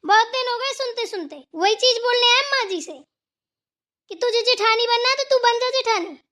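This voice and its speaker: Brief: a woman playing a sharp-tongued cartoon bahu, piping high voice and a bright, edgy tone. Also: moderate pace. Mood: defiant. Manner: defiant, talks back, repeats "theek hai na". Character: sharp-tongued young daughter-in-law, defiant. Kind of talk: Hindi cartoon voice acting.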